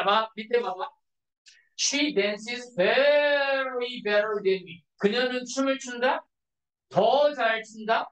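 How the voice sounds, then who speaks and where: Woman teacher quizzing students, echoey room. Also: medium pitch. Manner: constant checking questions to students. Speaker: English teacher. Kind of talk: classroom grammar lesson. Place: classroom. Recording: echoey classroom from far off.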